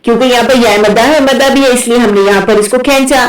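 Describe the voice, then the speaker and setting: A woman teaching Quran recitation, spelling syllables slowly one by one and breaking off into quick explanations. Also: fairly high pitch, fairly even intonation. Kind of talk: slow spelling-drill lesson. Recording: echoey room.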